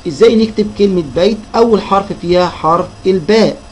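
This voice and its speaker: A man with an Egyptian Arabic accent narrates a reading lesson for young children, stretching each syllable as he drills the sounds. His voice sits a touch high, and a faint hiss runs underneath it. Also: fast, rough recording. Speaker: teacher.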